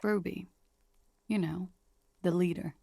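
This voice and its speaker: A guarded young woman in a video game, frightened of those hunting her. Her low voice is heavily creaky and gravelly. She confesses in a measured, weary way, recorded dry and close. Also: steady tone, warm tone, no room sound, heavily acted.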